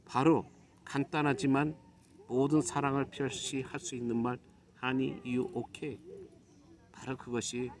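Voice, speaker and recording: A middle-aged man from Korea giving a preachy, admonishing monologue to his viewers, with emphatic pauses. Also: medium pitch. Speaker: YouTube commentator.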